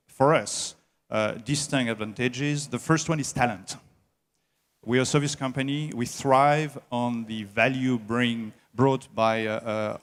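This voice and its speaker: At a trade show, a man who heads an engineering services company answers interview questions. His medium-pitched voice comes out slow and halting, full of filler sounds.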